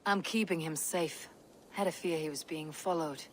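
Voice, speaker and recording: A woman's voice: deep voice, moderate pace, slight background noise, natural voice. A woman playing a guarded, terse female Viking warrior in a video game cutscene. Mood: cool, guarded.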